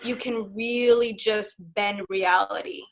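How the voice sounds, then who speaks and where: Woman sex coach, candid interview guest, frank and lively. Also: medium pitch, slow. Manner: frank and animated, laughs while telling stories.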